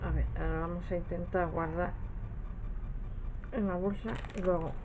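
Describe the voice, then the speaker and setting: With a steady tone and a lowish voice at normal speed, a woman from Spain casually presents her craft haul to the camera, rambling and repeatedly trailing off or correcting herself. Background noise can be heard.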